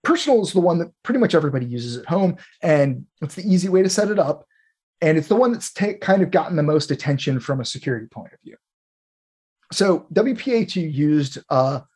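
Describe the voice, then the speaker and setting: A male voice, fairly high for a man and noticeably husky. He explains technical material conversationally, like a host thinking aloud in an informal discussion. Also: sing-song, a little fast, a little mellow.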